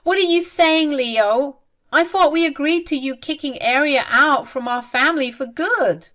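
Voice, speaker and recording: A scheming older mother-in-law answers back in a shrill, high, irritated voice, as a woman narrator plays her. She stays defensive and snippy, told as storybook narration. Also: big pitch swings, measured pace, fairly bright tone, exaggerated voice.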